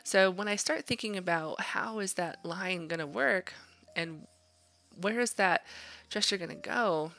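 Her voice is mid-range, a little slow and a bit bright as this art instructor talks over a screen demonstration of a drawing. The narration is relaxed and encouraging, like she's thinking out loud.

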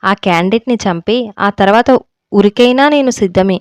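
Woman reading as a defiant young daughter-in-law, heated, smooth clear voice. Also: medium pitch, brisk, no room sound, natural voice.

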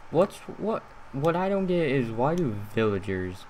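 A young man with a lisp doing casual, rambling gameplay commentary, halting and often repeating himself. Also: medium pitch, big pitch swings, darkish tone, a little hiss or hum. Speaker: gaming video host.

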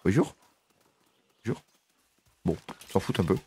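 A man giving casual gameplay commentary, excitable and swearing, chatting to his horse as he plays. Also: low-pitched, slow, breathy edge. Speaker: gaming video creator.

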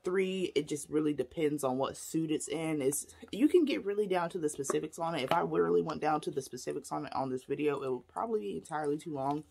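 A woman's voice: deep voice, fast, gravelly, few pauses, mellow, slight background noise. A woman casually explaining divination tools to camera in a chatty, rambling way, showing objects as she talks. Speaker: spiritual teacher. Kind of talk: casual teaching vlog.

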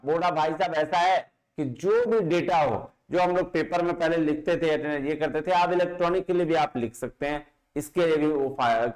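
A man with an Indian accent teaching a law exam lesson, slowly reading English passages and asking and answering his own questions. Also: fairly high pitch, low-quality recording. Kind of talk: lecture mixing Hindi and English, reading law text slowly.

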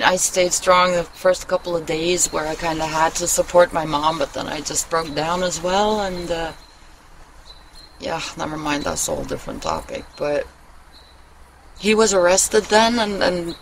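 With a lowish voice and rough recording, a woman vlogger sits in a wooden shelter in the woods, rambling candidly to camera and swearing casually. It's a casual confessional chat with clear outdoor ambient noise around.

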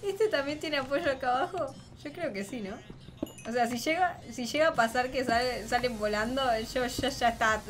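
A woman's voice: sits high, moderate pace, fairly bright tone. A young woman with a Rioplatense Spanish accent doing casual, dramatic gameplay commentary, laughing and shrieking often. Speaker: gaming channel host. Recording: faint game music behind.

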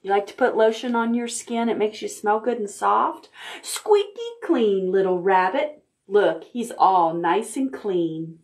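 This middle-aged library host speaks in an unhurried, slightly mellow voice of medium pitch, reading aloud to toddlers and giving instructions in an exaggerated sing-song. The storytime includes action rhymes and takes place indoors among stuffed animals and a painted backdrop. Music sometimes plays, and the room echoes noticeably.

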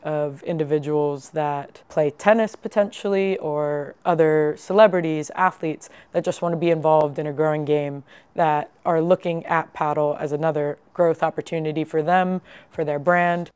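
A young woman speaking deliberately and analytically in an interview about sports business. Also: low-pitched, a little mellow.

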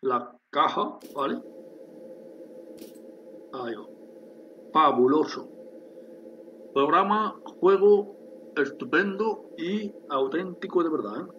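A man's voice: on the high side, expressive, slow, long pauses, a bit bright. Man, screen tutorial narration, explanatory, faint background hiss. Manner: explanatory, addresses viewers with frequent "¿vale?". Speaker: instructor demonstrating a factory simulation. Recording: dull lo-fi sound with faint hiss.

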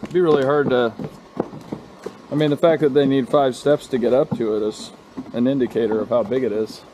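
A man's voice: medium pitch, steady tone, fairly quick. A man chatting casually as he vlogs while sightseeing. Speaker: vlogger. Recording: noisy handheld outdoor vlog.

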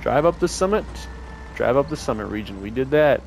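A young man commentating as he plays a horror game, swearing often, talking to the game's characters and getting excitable when things go wrong. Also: medium pitch, fairly quick, vocal fry, slight background noise. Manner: profane, excitable, talks to the game. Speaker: gaming channel host.

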